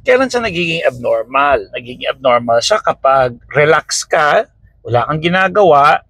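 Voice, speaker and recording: A man's voice: fairly high pitch, sing-song, moderate pace, fairly bright tone, no echo, poor audio. A man hosting a casual health explainer talk, conversational, checking in with his listeners often. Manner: conversational, peppers with "okay?" and "no?".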